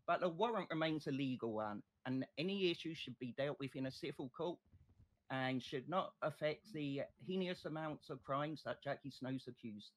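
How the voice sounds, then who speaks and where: A man playing a state prosecutor in an online courtroom role-play, making a passionate, deliberate closing argument. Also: on the high side, a bit bright, poor audio.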